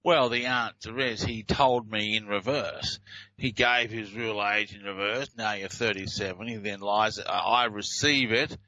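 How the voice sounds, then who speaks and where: A man's voice: on the low side, steady tone, measured pace, pushed and bright, no room sound, low-quality recording. A man with an Australian accent hosting a talk show, explaining audio clips in a hesitant way with many fillers and restarts. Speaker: host.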